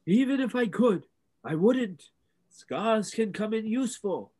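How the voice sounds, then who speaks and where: A man doing an old, wise wizard with a calm, measured and gently wry manner. The voice sits high, well above the reader's own, and sounds a touch distant. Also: slightly rough, heavily acted.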